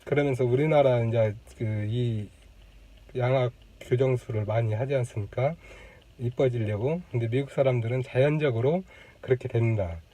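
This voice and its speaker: Mellow-voiced man explaining to camera. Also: mid-range voice, moderate pace. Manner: thoughtful, many fillers, demonstrates sounds. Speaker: channel host. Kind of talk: casual explanatory talk to camera. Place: indoors on a lunch break. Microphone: camera mic.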